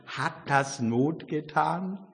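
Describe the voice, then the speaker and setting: An older man preaching a sermon, emphatic, swinging between loud exclamations and quiet reflection. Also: a little high, drawn-out words, gravelly. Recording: long hall reverb.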